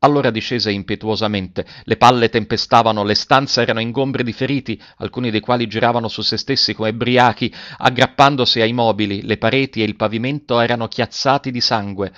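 Male narrator, audiobook reading, measured expressive delivery, dry close sound, muffled lo-fi quality. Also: medium pitch, dry recording. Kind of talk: audiobook reading of a classic story. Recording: dull lo-fi dry recording.

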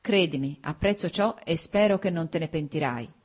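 A woman's voice: deep voice, normal speed. A woman doing a coaxing, cheerful nobleman. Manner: warm, coaxing, talkative. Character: cheerful, pleading middle-aged nobleman.

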